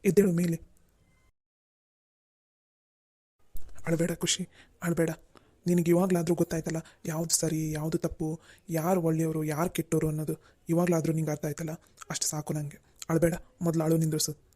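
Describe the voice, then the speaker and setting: A gentle young husband from a cartoon, a schoolteacher who forgives without fuss, as a voice actor plays him. His tone is dark and mellow and stays level and flat. He speaks in a calm, reassuring way. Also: mid-range voice, quick pace, close to an everyday voice. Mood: soothing. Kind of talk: Kannada cartoon dubbing.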